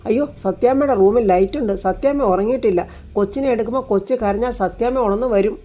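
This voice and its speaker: A woman's voice: on the high side, quick pace, warm tone, close to an everyday voice. A woman voicing a frightened servant woman who pleads and cries out in panic. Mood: panicked. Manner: anxious, wailing cries.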